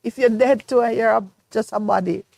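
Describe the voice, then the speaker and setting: A woman's voice: a little high, fairly even intonation, brisk, gravelly, a little mellow, dry recording. A woman co-hosting a morning talk show, explaining her views in an earnest, reflective way. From Jamaica. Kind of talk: studio talk show discussion.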